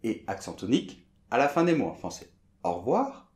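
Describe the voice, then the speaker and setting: French man demonstrating pronunciation, lively pitch. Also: reverberant. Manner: demonstrates sounds, repeats them slowly, often asks d'accord. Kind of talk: explaining pronunciation to learners.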